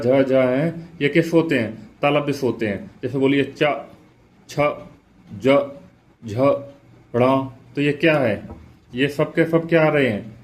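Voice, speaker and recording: Man teaching, quizzing and repeating. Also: on the high side. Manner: asks the class questions then answers them himself, repeats key points. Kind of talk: exam prep lecture.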